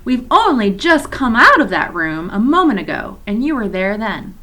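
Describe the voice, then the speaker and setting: A woman's voice: on the high side, sing-song, normal speed, pushed and bright. A woman voicing a scolding older sister. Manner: dismissive, scolding. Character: sensible, scolding older girl.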